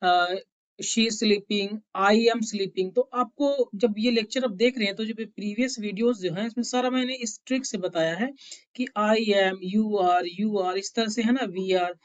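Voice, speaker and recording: A woman's voice: medium pitch, measured pace. A woman English teacher giving a spoken lesson, explaining patiently, repeating words and checking that listeners follow.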